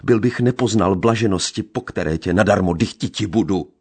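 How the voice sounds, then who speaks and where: A man voicing a wild, jealous young Romani man who shouts fierce accusations. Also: very deep voice, sing-song, slightly rough, exaggerated voice. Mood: bitter. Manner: loud, fierce accusing outbursts.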